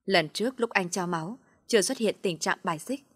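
A woman voicing a careful male doctor from a storybook, slow and measured. The voice is breathy and husky, recorded close and dry. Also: mid-range voice, a bit bright, no echo, lightly acted. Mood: grave.

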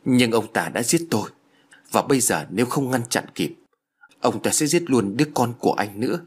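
A man's voice: mid-range voice, animated, moderate pace, breathy edge. A man voicing a stern, vengeful young female ghost in a spoken ghost story. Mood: insistent. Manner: stern, urgent.

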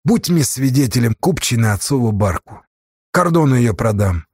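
A man's voice: medium pitch, expressive, normal speed, darkish tone, breathy edge, no echo, studio quality. A man voicing a bold, stubborn young man who presses and challenges an older elder. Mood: pressing. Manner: pressing, defiant.

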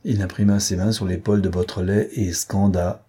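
Husky low-voiced male audiobook narrator. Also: flat delivery, normal speed, mellow.

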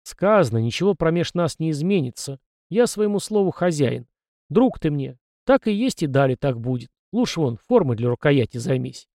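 A man's voice: on the high side, big pitch swings, normal speed, darkish tone, no echo, clean studio sound. A man voicing a brash young soldier. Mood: firm.

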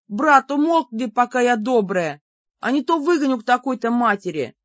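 A woman voicing an exasperated young heroine with a high, shrill, pleading voice. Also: lively intonation, normal speed, fairly bright tone, dry recording. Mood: furious. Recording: dull lo-fi dry recording.

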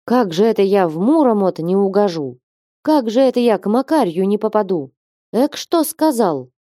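A woman's voice: medium pitch, animated, normal speed, warm tone, dry recording, clean studio sound, close to an everyday voice. A woman reading aloud as an anxious male trader in debt, pleading in a trembling voice. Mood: desperate.

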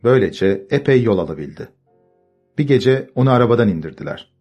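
A man calmly narrating a storybook and voicing its characters. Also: medium pitch, a little fast, husky, faint music behind. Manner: calm, steady reading, voicing characters. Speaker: audiobook narrator.

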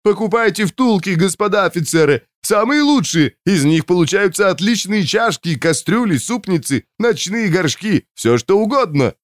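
A man voicing a scrawny male flea-market hawker who drones his sales cry in a high, whining voice. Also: animated, normal speed, few pauses, no echo, clean studio sound. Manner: nasal droning street cry.

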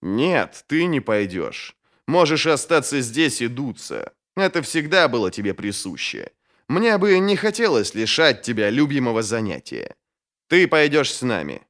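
A man's voice: medium pitch, very animated, measured pace, a bit bright, pitched above the performer's own voice. A man voicing a powerful old male archmage who speaks in an imperious, cutting way. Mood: scornful.

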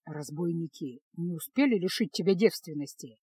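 A woman reading a storybook, voicing a gruff, sardonic male mage in a curt, grumbling manner. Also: fairly low pitch, animated, normal speed, dark tone, no echo, voice pushed down. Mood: irritated.

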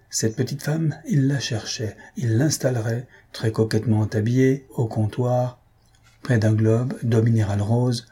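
A male narrator reads a classic novel aloud with a very husky, raspy grain. His dark, mellow tone and measured telling carry the story at an even pace. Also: medium pitch. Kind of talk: audiobook reading of a classic novel.

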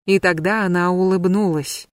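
Woman narrating a dark audiobook. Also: on the low side, fairly even intonation, moderate pace, dry recording, studio quality. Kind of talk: scripted narration.

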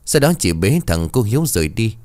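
A man narrating a ghost story in an expressive, dramatic storytelling manner. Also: on the low side, fairly quick, no echo.

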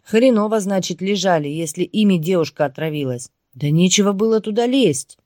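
A gruff young husband barks orders in a harsh, furious voice, as a woman reads him in a storybook. He stays loud and forceful throughout. The sound is dry and close, with no room around it. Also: on the low side, expressive, a little fast, dry recording, natural voice.

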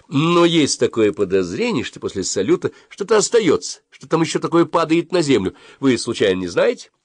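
A man's voice: medium pitch, no echo, pitched above the performer's own voice. A man reading an audiobook, voicing a sarcastic, sing-song middle-aged mother in a raised voice. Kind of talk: audiobook character voice.

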